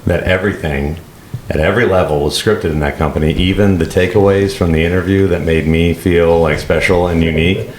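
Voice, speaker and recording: A man with a very deep voice talks loosely on a podcast. He halts and fills his pauses with "uh" as he goes. The sound is roomy, with a faint hiss underneath. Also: fairly even intonation. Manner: halting, many uh fillers, rambling. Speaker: podcast guest. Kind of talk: casual podcast chat.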